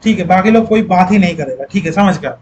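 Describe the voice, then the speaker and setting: A man's voice: high voice, expressive, fast, darkish tone, highs cut off, a little hiss or hum. A male teacher giving a lecture who repeats key points, quizzes the class and coaxes students to speak up.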